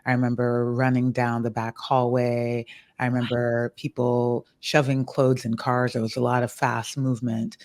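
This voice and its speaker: A woman in her forties from Ghana, a guest on a podcast interview, talking in a calm and reflective way. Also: extremely low pitch, normal speed. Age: 40s. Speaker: guest, author and death doula.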